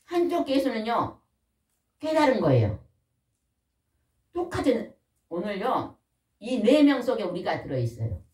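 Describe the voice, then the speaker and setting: Lively older woman preaching. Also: fairly high pitch, measured pace, pauses often. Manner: folksy, animated, asks the congregation questions. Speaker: pastor's wife preaching. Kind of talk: sermon. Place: church hall. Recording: echoey room, mic at a distance.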